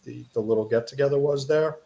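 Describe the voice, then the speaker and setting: A man from the United States in casual panel chat, asking questions in a relaxed, curious way. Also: medium pitch, fast talker, vocal fry, lo-fi sound.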